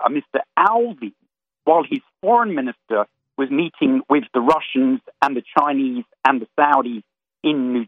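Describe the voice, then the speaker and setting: Fast-talking male caller on a phone line. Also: on the high side, dry recording. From Florida. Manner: rapid, detailed geopolitical briefing. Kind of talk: call-in radio commentary.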